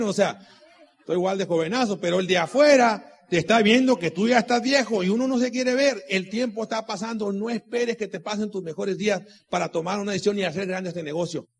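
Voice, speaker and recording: Husky-voiced man giving a motivational talk. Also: high voice. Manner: preachy, asks rhetorical questions and repeats key lines; tells personal anecdotes. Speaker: motivational speaker at a business meeting. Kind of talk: motivational talk to a live audience.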